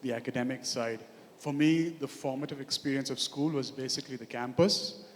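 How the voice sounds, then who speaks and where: A man in his forties with an Indian accent speaks from the floor at a conference. His voice is medium in pitch and earnest, moving through examples one by one. The big room gives him long reverb. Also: brisk, slight background noise. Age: 40s. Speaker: audience member, architect. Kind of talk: impromptu comment at a conference. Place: large hotel conference hall. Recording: echoey hall with long reverb.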